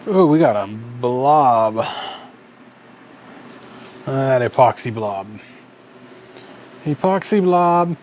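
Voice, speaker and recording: With a medium pitch, lively intonation and a slightly mellow quality, this American man speaks very slowly with long pauses while hosting an electronics teardown at an indoor workbench. His casual, unscripted commentary comes in short, trailing mutters. The home recording is clearly noisy, and he's sometimes off-mic.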